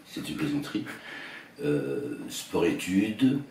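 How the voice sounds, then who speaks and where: A man in his fifties from northern France, a musician and songwriter, answering interview questions in a quiet, low-key voice that trails off. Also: very animated, takes it slowly, slight background noise. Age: 50s. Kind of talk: soft-spoken interview answers. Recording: echoey room, heard from a distance, guitar music behind.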